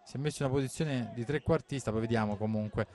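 Calling a football match at a quick pace with a medium-pitched voice, this commentator sounds breathless and thrilled, repeating names and phrases with urgency.

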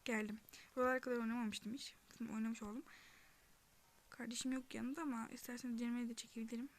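A fast-talking young woman with a high-leaning voice that barely shifts in pitch provides casual commentary on her own gaming for a channel. Whispers come often, and she yelps when pursued.

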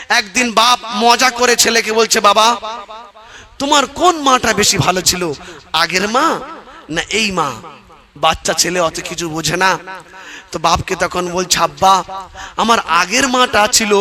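A man preaching a sermon who moves between spoken lines and half-sung, dramatic wailing cries and shouts. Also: sits high. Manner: half-sung melodic delivery. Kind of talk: Bengali waz sermon.

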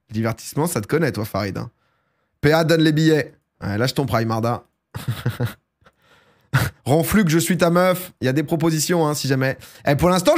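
A young man with a sore throat chatting casually and excitably on a live stream, jumping into loud, high bursts.

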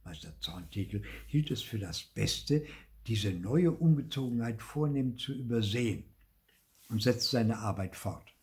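An older man reads a children's story aloud at an unhurried pace. His mellow voice rises and falls with lively expression, making each scene vivid. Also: lowish voice.

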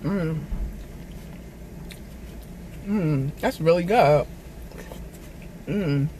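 A man with a high-pitched voice talks through mouthfuls of food, chewing as he speaks and humming between bites. He records from inside a parked car, with a faint hum of car noise in the background. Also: drawn-out words, warm tone, rough recording. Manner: talks between bites, many appreciative hums. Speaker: mukbang vlogger. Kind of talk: casual food vlog.

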